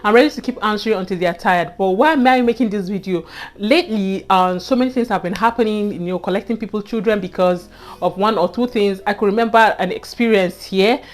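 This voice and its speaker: Speaking at a fairly quick clip in a medium pitch, this young Nigerian vlogger casually shares a personal story with her viewers. Her Nigerian accent comes through as she earnestly repeats herself and keeps adding "you know."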